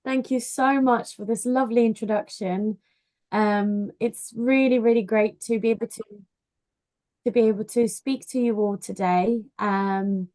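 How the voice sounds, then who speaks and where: A woman from Poland presents a university webinar over a video call. She talks in a friendly, easygoing way and fills her pauses with frequent "um"s. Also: mid-range voice, a little mellow. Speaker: university outreach officer.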